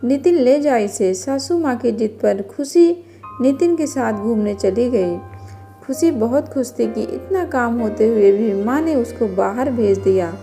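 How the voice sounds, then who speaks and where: A woman narrating a scripted family story in a gentle, measured way. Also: on the high side, animated, soft background music.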